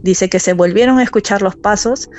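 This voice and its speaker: A woman in her forties with a Peruvian accent, calling in to tell a true story in a soft, halting way with many fillers. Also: medium pitch, muffled recording. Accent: Peruvian Spanish. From Peru. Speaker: caller telling a true story. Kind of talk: personal storytelling on a call.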